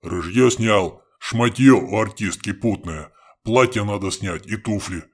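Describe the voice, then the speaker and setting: A man voicing a slow, deep-voiced male robber in an audiobook. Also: slightly rough. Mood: businesslike. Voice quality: deep bass. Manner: slow, matter-of-fact.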